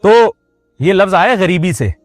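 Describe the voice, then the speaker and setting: A male preacher from Pakistan delivers a religious talk in a lively, chatty way, teasing his audience with jokes and rhetorical questions. His voice sits fairly high for a man. The recording is close and dry, with faint music underneath. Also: a little slow, no room sound. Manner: conversational and joking, full of rhetorical questions. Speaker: Islamic preacher. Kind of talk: religious lecture.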